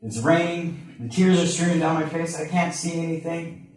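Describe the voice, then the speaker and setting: A man's voice: fairly high pitch, normal speed, a little mellow. A man, a pastor, earnestly telling a personal story during a sermon in a conversational way. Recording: echoey room, mic at a distance.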